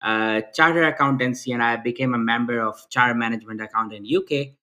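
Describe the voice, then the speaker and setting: This man from Pakistan, a guest on a video-call interview, has a medium-pitched, sharp-toned voice and talks fairly quickly. He answers with earnest intent, often starting phrases over and closing his points with "right?".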